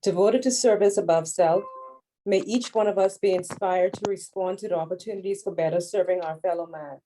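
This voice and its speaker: A woman with a lowish, mellow, warm voice leads the opening prayer. She recites it solemnly and at a measured pace. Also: a little hiss or hum, poor audio. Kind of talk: formal prayer.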